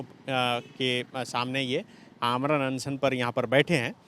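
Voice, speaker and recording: A man reporting from a protest site, speaking in a measured, explanatory way with some fillers. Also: medium pitch, a bit bright. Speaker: field reporter. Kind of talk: news field report. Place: outdoors in a city. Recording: faint outdoor street noise.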